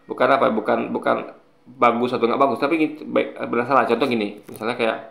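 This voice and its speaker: A man giving casual commentary to his viewers, explaining his points with examples and repeating them in an animated way. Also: mid-range voice, fairly quick, gravelly. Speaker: commentator reacting to video clips. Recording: echoey room.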